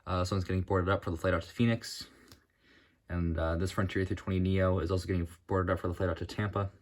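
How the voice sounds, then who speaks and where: In a flat, darkish, deep voice, a young man gives a rambling narrated tour of his model airport project. He pads his pauses with "uh," keeps correcting himself, and sounds like his throat is dry and sore.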